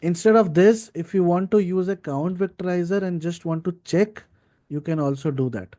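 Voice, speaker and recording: A data science instructor with a high-pitched, warm voice leads an informal live coding class at a normal pace. He breaks things down step by step and keeps checking in with "okay" and "right."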